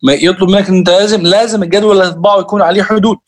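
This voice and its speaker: A man's voice: high voice, steady tone, rapid-fire. A man with an Egyptian Arabic accent teaching a computer lesson, explaining each step and addressing his students directly. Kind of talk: screen-share tutorial lesson.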